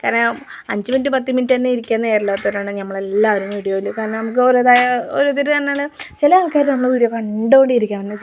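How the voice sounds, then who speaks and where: A woman's voice: on the high side, noisy background. A young woman, chatting homely voice-over narration for her family vlog and addressing viewers directly. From Kerala, India. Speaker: family vlogger.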